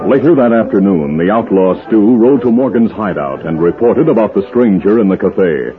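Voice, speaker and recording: A man's voice: on the low side, animated, normal speed. Dramatic old-time radio narrator, man. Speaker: narrator and announcer. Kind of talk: scripted narration. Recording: tinny old radio broadcast with music.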